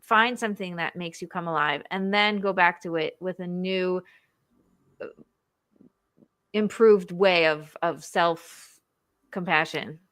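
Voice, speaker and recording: A woman hosts a casual live interview with a bright, forward voice. She talks in an animated way and slips into little acted inner voices. The sound is dry and close. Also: on the low side, takes it slowly, long pauses, smooth, dry recording. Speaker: show host, marriage coach.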